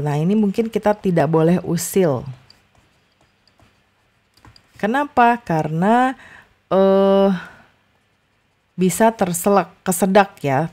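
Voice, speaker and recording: A young woman tutoring young children in a chatty, casual way, often adding a soft "ya" and stressing words strongly to model intonation. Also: on the low side. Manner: chatty, many fillers and tag "ya"; exaggerated emphasis when modeling intonation. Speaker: online tutor.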